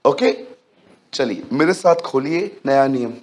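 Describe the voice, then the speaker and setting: A man preaching a sermon in a church hall, lively and joking with the congregation. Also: mid-range voice, takes it slowly. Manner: lively, joking with the congregation, acts out little scenes. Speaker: pastor.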